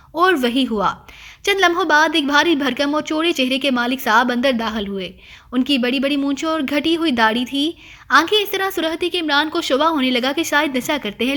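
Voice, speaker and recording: A woman narrates an audiobook novel in a high, bright voice. She tells the story with steady expression. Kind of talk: scripted narration.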